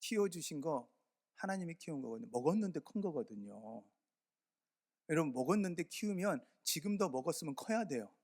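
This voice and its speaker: Korean pastor with a slightly high voice. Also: male voice, very animated, a little fast, darkish tone. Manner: conversational storytelling, quizzes the congregation. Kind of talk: sermon.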